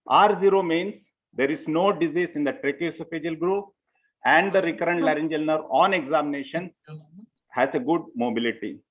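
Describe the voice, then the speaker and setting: A man's voice: a little high, brisk. A man, a surgeon giving a conference lecture in a methodical, step-by-step way, often saying "you know" as he goes. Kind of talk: medical lecture. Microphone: remote call line. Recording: tinny phone-like call audio.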